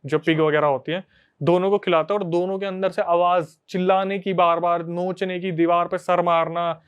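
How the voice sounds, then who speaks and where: Guy spinning a story on a podcast, smooth clear voice, bit higher pitched, chatty and animated. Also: moderate pace, lo-fi sound. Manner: animated, conversational retelling to friends. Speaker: podcast host telling a story. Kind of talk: casual storytelling chat.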